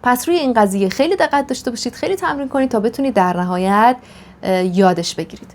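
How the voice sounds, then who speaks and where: A woman with a somewhat high voice explains violin technique step by step. She is patient and methodical, pausing on fillers as she thinks. A violin plays between her explanations. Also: expressive, darkish tone. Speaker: violin teacher. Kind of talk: instructional explanation. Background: violin playing.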